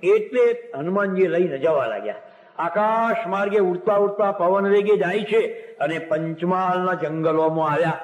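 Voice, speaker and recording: Guy with a high voice telling old religious stories, big echoey hall, long reverb. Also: normal speed. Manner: lively, animated retelling of scripture tales. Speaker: religious storyteller. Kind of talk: devotional story discourse.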